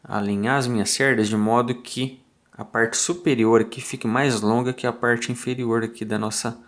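A man with a Brazilian Portuguese accent explains fly tying step by step in a calm, methodical way, counting off each turn aloud. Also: mid-range voice, normal speed. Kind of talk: step-by-step tutorial narration.

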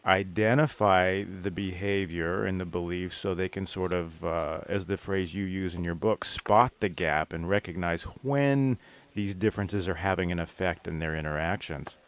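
A man's voice: sits low, normal speed. A man interviewing in a conversational way as a podcast host, thoughtfully restating and checking points.

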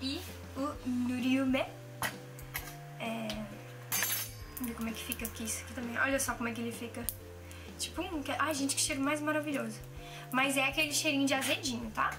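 A high-voiced woman in her twenties speaks a little fast with fairly even intonation, broken by long pauses. Chatting through a home cooking vlog in her kitchen, she's hesitant, often restarting and filling gaps with fillers. Her camera mic is at arm's length, and music plays beneath her voice among clinking dishes.

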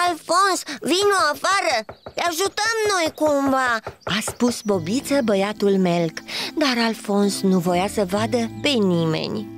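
A woman narrating a children's storybook with an animated, storytelling lilt. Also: medium pitch.

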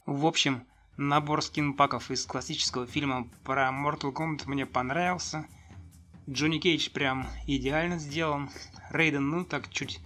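A man's voice: a little high, sharp tone. A man giving casual, rambling and hesitant commentary as he reviews a video game. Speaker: gaming video host.

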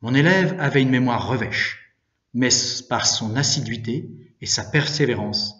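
A priest reading a religious story aloud with expressive, animated storytelling. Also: male voice, medium pitch, a little slow. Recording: distant, echoey, dull room recording.

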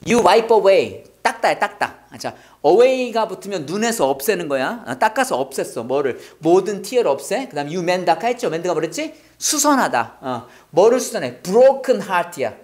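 Brief: teacher, animated, quick-fire questions, drills English pronunciation from song lyrics. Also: medium pitch. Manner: lively, asks and answers own questions. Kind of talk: worship-song English lesson.

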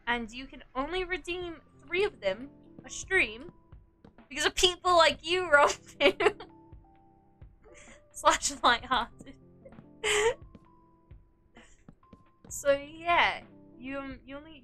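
A woman's voice: sits high, bright, forceful tone. A young woman livestreaming in a casual chat, playfully teasing her viewers and giggling often.

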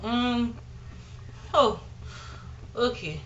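A woman's voice: fairly high pitch, extremely slow, reverberant, muffled recording, slight background noise. A woman vlogging casually to the camera through a dried face mask, chatty and nervous, saying y'all and giggling. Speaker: beauty vlogger. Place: indoors at home.

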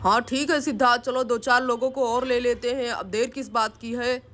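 A woman's voice: on the high side, fairly even intonation, moderate pace, a bit bright, pitched below the performer's own voice, close to an everyday voice. A woman voicing a stern elder man doll who gives firm orders to the family. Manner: firm, commanding.

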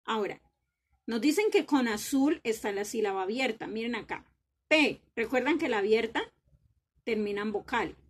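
A woman teaching a language lesson to children, praising them warmly and slowly drawing out words to show which syllable is stressed. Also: fairly high pitch, lively intonation, slightly rough.

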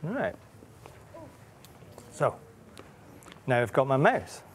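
Middle-aged author reading to kids; playful, animated, quizzes the audience. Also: male voice, mid-range voice, takes it slowly, slight background noise. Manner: playful, asks children many questions. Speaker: author and illustrator reading to children. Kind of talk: reading aloud to children.

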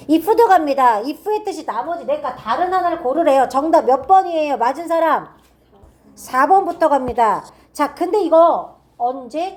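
High, lively woman teaching a grammar class. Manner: quizzing students with quick repeated checks; reads English sentences slowly and deliberately. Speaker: English teacher at a cram school.

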